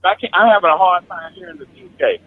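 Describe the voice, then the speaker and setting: A man's voice: high voice, quick pace, very noisy. A man calling in to a live show, speaking casually over a tinny phone line as he asks for advice. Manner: casual, plain-spoken, asking for advice. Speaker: caller. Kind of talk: call-in question to a live show.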